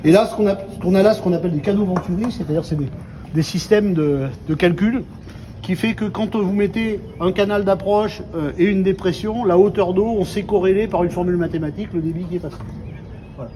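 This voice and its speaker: A company executive with a high voice and dark tone talks briskly while presenting a water treatment plant to visitors on site. His explanation is informal and colloquial, simplifying technical points as he goes. The recording sounds dull, with heavy ambient noise.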